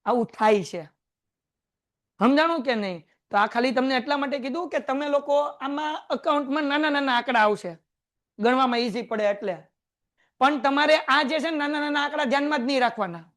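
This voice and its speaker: A man with a Kathiawadi Gujarati accent teaching an accounting class in a classroom, firing quick questions at his students. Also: very high-pitched, fairly bright tone. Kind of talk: lively classroom lecture. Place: classroom with a board.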